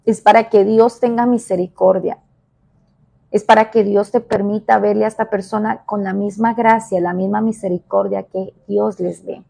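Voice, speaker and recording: A woman evangelist giving a devotional sermon, emphatic and repetitive, moving between soft and raised delivery. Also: mid-range voice, steady tone, normal speed, gravelly.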